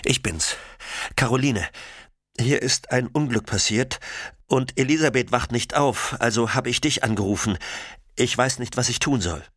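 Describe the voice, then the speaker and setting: A man voicing a tense young woman who takes charge in a crisis, speaking briskly and in clipped lines. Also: medium pitch, fairly bright tone, no echo, clean studio sound, voice pushed up, lightly acted. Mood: tense urgent.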